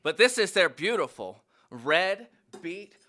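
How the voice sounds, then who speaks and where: A man hosts a local morning show from the studio, chatty and upbeat. His voice sits a little high and rings bright and forward. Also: very animated, slow pace. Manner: chatty, eats on air, upbeat. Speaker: studio host. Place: indoor studio.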